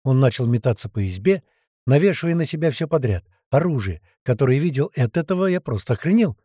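Male narrator, first-person audiobook: lively pitch, warm tone, dry close recording. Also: fast, slightly rough, no echo. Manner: expressive, colloquial storytelling.

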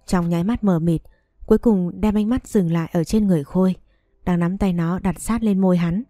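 A woman narrating a story in a steady, even reading voice. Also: lowish voice, brisk, no room sound, clean studio sound, faint music behind.

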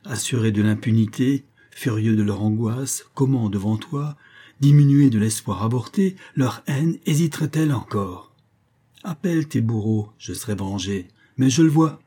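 A man's voice: medium pitch, moderate pace, warm tone, husky, natural voice. A man reading the part of a proud, cunning young poet who pleads and defies with passion. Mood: defiant. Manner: impassioned and defiant pleading. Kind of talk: audiobook reading.

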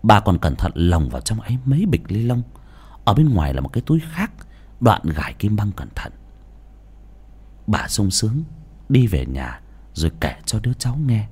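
A man narrating a dramatic audio story with sweeping, expressive delivery. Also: fairly low pitch, normal speed, pauses often, breathy edge.

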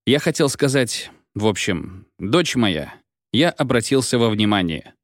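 A man's voice: medium pitch, big pitch swings, a little slow, dry recording. A man reading an audiobook, giving a dry, irritated young man curt, grudging replies. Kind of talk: audiobook character voice.

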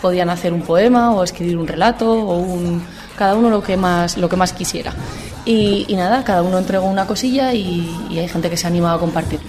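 A woman's voice: lowish voice, quick pace, over music. A woman with an accent from Spain, a schoolteacher talking casually in an interview.

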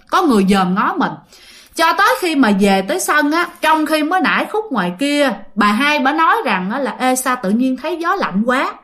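Chatting directly to her audience, a woman tells a ghost story in a casual, storytelling way. She speaks with a Southern Vietnamese accent, and her voice is high-pitched and a bit bright.

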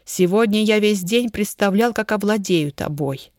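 A woman's voice: no room sound, studio quality, close to an everyday voice. Woman reading as a guarded rich young husband. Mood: low, measured. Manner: slow, low, even delivery. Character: young man, wealthy husband, ardent but guarded.

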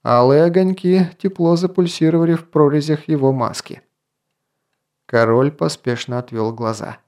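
A man narrating a fantasy audiobook in a measured, even reading. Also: fairly high pitch. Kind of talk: scripted narration.

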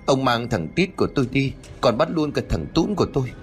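A man voicing a grieving old grandmother who pleads in a raised, rushed voice. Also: medium pitch, big pitch swings, soft background music, voice pushed up, lightly acted. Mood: anguished.

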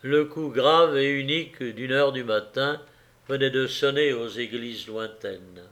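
A man reading a classic novel aloud in a measured, solemn manner with long pauses. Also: mid-range voice, a bit bright. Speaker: audiobook reader. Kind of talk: literary narration.

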